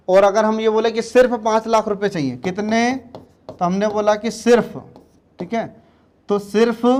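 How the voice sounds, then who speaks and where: A high-pitched man teaches an exam-prep grammar lesson slowly, repeating words and frequently checking that his students are following.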